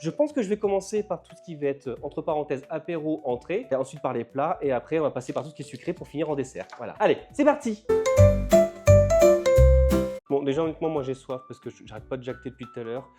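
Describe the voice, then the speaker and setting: A man's voice: fairly high pitch, lively intonation, fast talker, music in the background. An older man chatting casually in a vlog, unboxing snacks, laughing and stumbling over English words. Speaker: vlogger.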